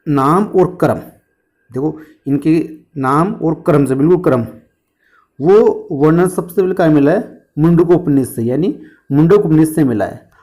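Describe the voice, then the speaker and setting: A man's voice: fairly high pitch, dark tone. A man teaching an exam-prep history lesson, asking questions and answering them himself, with memory tricks and jokes.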